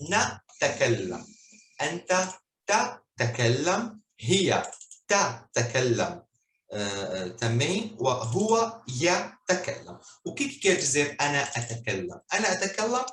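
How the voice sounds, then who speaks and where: Um homem ensinando com calma numa aula gravada, com entonação animada e um eco forte de sala. Ele repete as palavras devagar, como quem faz os alunos treinarem. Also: male voice, fairly high pitch, roomy sound, a little hiss or hum. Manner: patient, repeats words slowly for drilling. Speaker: Arabic teacher. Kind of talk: online language lesson.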